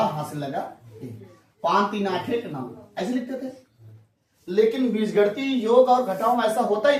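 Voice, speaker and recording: A man teaching a math lesson to a class in a folksy manner. He asks questions and answers them himself. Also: high-pitched. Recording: echoey room, mic far off.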